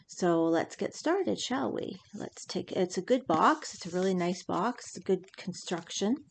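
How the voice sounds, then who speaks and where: A woman reviewing a tarot deck in a chatty, rambling way, full of fillers and restarts, her voice a bit hoarse from incense smoke. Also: on the low side, a little mellow, a little hiss or hum. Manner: chatty, self-interrupting, lots of fillers. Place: indoors at home, incense burning.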